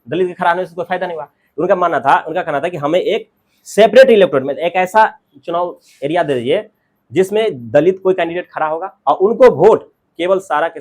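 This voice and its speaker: A man's voice: on the high side, darkish tone. Man teaching history in a lecture. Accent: Indian English. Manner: reads English lines slowly, then explains them in Hindi with everyday examples. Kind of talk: classroom lecture explaining an English text in Hindi.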